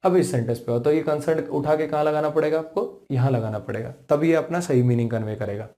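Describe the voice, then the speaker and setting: In this classroom lesson, an Indian-accented man with a fairly high, mellow voice teaches English grammar. He is patient, says things more than once, and checks often that the students keep up, slowing way down to spell out example sentences in English.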